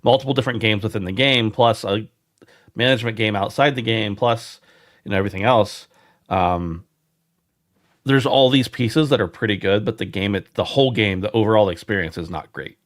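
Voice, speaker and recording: A man's voice: on the low side, brisk, no echo, studio quality. A man hosting a casual gaming podcast, easygoing and chatty. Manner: easygoing, chatty, frequent restarts. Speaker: podcast host.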